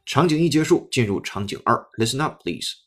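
A man's voice: medium pitch, sing-song, fairly quick, fairly bright tone. Man hosting an English lesson. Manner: upbeat, explains with repeated drills. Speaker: English teacher and host. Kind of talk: broadcast-style English lesson. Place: studio broadcast.

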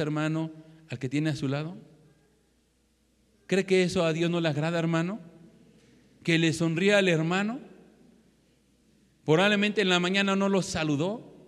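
Man in his thirties preaching in a hall. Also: on the high side. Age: 30s. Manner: preaching to the congregation, calling them "hermano" again and again. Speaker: pastor. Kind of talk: sermon. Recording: long hall reverb.

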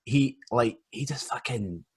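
A male podcast host talks in a relaxed, casual way and swears often. His voice has a husky edge and sits at an ordinary middle pitch. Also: a little slow. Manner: laid-back, swears freely.

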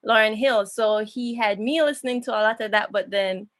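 A woman's voice: fairly high pitch, normal speed, fairly bright tone, no echo. Reflective young woman, dry sound. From Jamaica. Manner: reflective, with many fillers and restarts. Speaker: interviewer and musician. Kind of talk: casual conversation.

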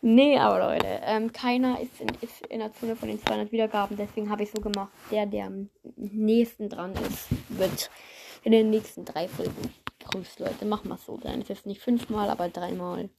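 A woman's voice: medium pitch, little pitch movement, moderate pace, creaky, background noise. A woman hosting a casual giveaway results video, chatting informally to viewers as she reads out and reacts. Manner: informal, chatty, reading comments aloud and reacting. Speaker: video host.

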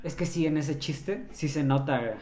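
A man in a casual chat, tossing out joking, deadpan quips. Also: a little high, a little slow.

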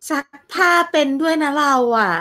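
Brief: sly, sugary queen, played by a woman, high-pitched. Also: animated, moderate pace, pushed and bright. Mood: teasing. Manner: teasing and mock-sweet. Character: cheeky scheming queen mother. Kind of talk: improvised comedic storytelling.

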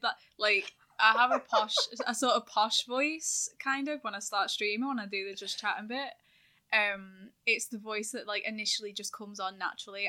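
A woman's voice: mid-range voice, sharp tone. A woman from the United Kingdom, a streamer, chatting frankly as a podcast guest and swearing freely. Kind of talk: casual chat.

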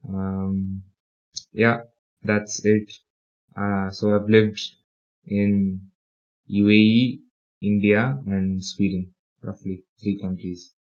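Over dull lo-fi audio, a young man from the UAE, a podcast co-host, is interviewed about his life in a casual way. His fairly low voice is flat and slow, broken by long pauses, and he hesitates with many fillers.

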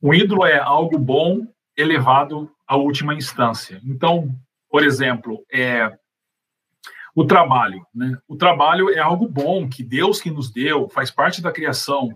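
A man's voice: mid-range voice, pushed and bright, slightly rough. A man with a Brazilian accent explaining matters of faith as a panelist, in a conversational teaching style with everyday examples. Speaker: panelist answering questions on faith.

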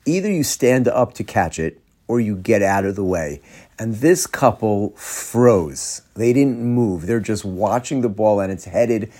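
Animated storytelling rabbi, man. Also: on the low side, measured pace. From Atlanta. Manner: animated storyteller, acts out quoted voices with laughs. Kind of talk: storytelling sermon.

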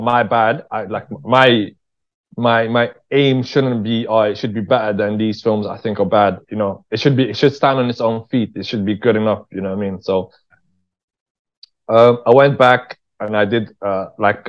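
A writer-director from England, interviewed as a guest, chats through stories in an informal, frank, slang-heavy way. His mid-range voice moves at a moderate pace, and the recording is dull and lo-fi.

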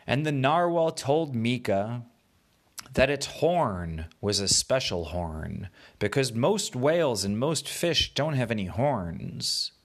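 Guy telling a kids bedtime story, takes it real slow, simple repeated phrases. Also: medium pitch, lively intonation. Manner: simple repetitive phrasing for young children. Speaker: children's storyteller, podcast host. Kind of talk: improvised bedtime story narration.

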